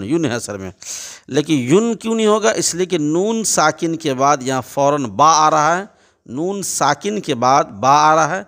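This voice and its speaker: A man's voice: a little high, a bit bright. A man teaching Quran recitation, spelling out letters and vowel marks step by step and switching between chanted recitation and plain spoken explanation. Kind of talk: recitation lesson.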